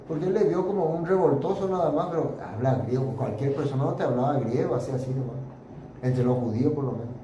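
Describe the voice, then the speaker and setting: A man leads a relaxed Bible study, talking through pictures with plenty of hesitant fillers. His voice sits at an ordinary middle pitch. The room is echoey, with steady noise behind him. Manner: conversational, hesitant fillers, points at pictures while explaining. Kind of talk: informal Bible study teaching. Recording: roomy echo with steady background noise.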